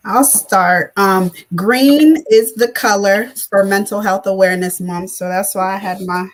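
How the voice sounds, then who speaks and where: A woman's voice: mid-range voice, steady tone, unhurried, noisy background. A woman from Ghana, a panel guest who runs wellness retreats, speaking with many hesitant "um"s. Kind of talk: panel talk show discussion.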